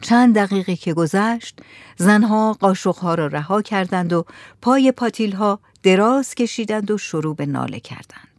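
Lady reading a story aloud, calm and even, dry mic. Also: medium pitch, no echo. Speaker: narrator. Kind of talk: storybook narration.

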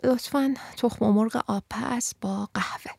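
A woman reading a storybook, voicing a tired, polite young woman in a soft, slightly raised and breathy voice. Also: on the high side, no echo, studio quality.

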